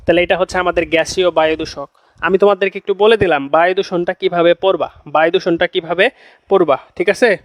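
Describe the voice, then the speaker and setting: A man's voice: sits high, fairly even intonation, quick pace, no echo. A young man teaching a chemistry class to exam students, repeating each phrase two or three times and often checking in with them. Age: young adult. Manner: coaxing, checks in with "okay?" and "see". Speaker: admission-test tutor.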